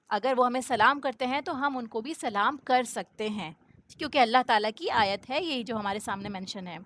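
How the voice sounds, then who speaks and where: A woman's voice: a little high, a bit bright. A woman teaching a religious lesson, explaining step by step, posing rhetorical questions and checking in with "okay?", with many English words mixed into her speech. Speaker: Islamic teacher.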